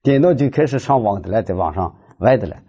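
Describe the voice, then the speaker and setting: A man's voice: lowish voice, lively intonation, fast talker, warm tone, husky. A man giving a storytelling Buddhist talk, animatedly acting out the dialogue of his stories. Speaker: lay Buddhist speaker.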